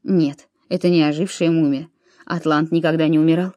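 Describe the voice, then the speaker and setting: A grave, world-weary Roman commander in his late forties, read by a woman in a storybook reading, his words dropping low and heavy. The voice is mellow and dark, set close and dry with no room around it. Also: fairly even intonation, fairly quick, dry recording, dull audio, close to an everyday voice. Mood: awed. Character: aging weary Roman commander, man of forty-seven.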